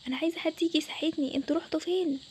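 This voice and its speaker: Young woman playing a harsh scolding mother, Egyptian accent, storybook game voice, quick-fire delivery, faint background hiss. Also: high-pitched, steady tone, darkish tone, lightly acted. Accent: Egyptian Arabic. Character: strict yelling mother, short-tempered and threatening. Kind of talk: storytelling with toy game figures.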